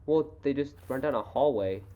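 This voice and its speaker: A young woman co-hosting a casual book podcast, retelling the plot in halting bursts with dry amusement. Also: extremely low pitch, mellow. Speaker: podcast co-host. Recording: dull lo-fi mic with hiss.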